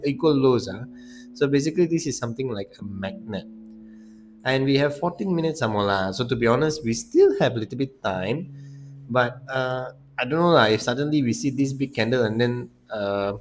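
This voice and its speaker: A man hosting a casual livestream about trading, talking in a loose, chatty way with "lah" and "ah" particles and sounding a bit out of breath. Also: mid-range voice. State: slightly out of breath.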